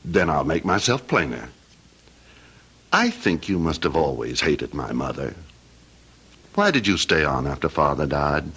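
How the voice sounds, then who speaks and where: Cold blackmailing heir in a radio mystery: very low, forceful voice, mocking and deliberate. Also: male voice, big pitch swings, breathy edge, full character voice. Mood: menacing, taunting. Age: 30s. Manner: menacing, mocking, theatrically deliberate. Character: cold, scheming, blackmailing heir in his late thirties. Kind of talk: old-time radio drama acting.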